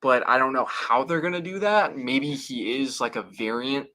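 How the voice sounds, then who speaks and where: Bright-voiced rambling male stream host. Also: medium pitch, lively intonation. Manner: rambling, halting, full of "like" and restarts. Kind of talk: casual livestream chat.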